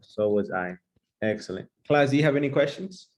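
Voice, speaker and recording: Brisk man teaching an English class. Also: mid-range voice, animated. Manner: brisk, encouraging teacher drilling grammar. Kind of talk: comedic classroom sketch lesson. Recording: slightly muffled lo-fi recording.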